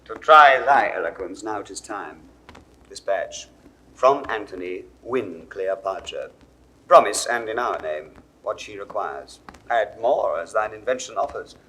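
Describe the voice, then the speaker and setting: An actor playing Octavius Caesar, a cold young Roman ruler who gives curt, commanding orders in a 1960s studio Shakespeare recording. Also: male voice, fairly low pitch, lively intonation, unhurried, sharp tone, slight background noise, poor audio.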